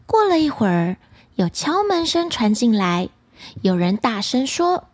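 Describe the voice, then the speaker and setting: A woman with a Taiwanese Mandarin accent, narrating a bedtime story for children in a lively, expressive way. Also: on the high side, measured pace.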